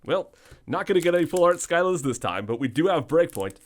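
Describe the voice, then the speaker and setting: Thin, weak-voiced man, high and lively. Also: brisk. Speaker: host of card pack opening videos. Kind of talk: casual unboxing commentary.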